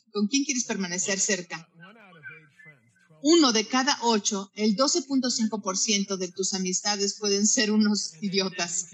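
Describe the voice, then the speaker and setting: Buddhist teacher, bright tone, halting phrasing with frequent restarts, talks straight to the room. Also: medium pitch, low-quality recording. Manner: halting, often repeats and restarts words mid-phrase; addresses listeners directly with questions and asides. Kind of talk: spoken teaching on Buddhist practice.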